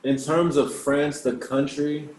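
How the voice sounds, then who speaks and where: This Australian-raised professional basketballer in his twenties speaks on the high side and slowly, casually fielding interview questions. He tends to repeat words when starting sentences. The rough recording sounds roomy, with slight background noise.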